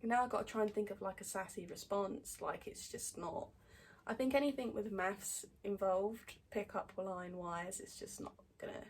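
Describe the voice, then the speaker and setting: A woman's voice: mid-range voice, moderate pace, slight background noise. A woman chatting casually as a podcast host, blunt and sweary with sarcastic asides. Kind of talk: casual chat reading out fan messages.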